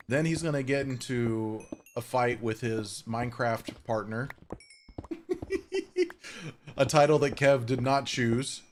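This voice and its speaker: A man's voice: mid-range voice, a little hiss or hum. A man giving casual, chatty gameplay commentary at home, swearing offhandedly and cooing at his cat. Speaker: Minecraft streamer.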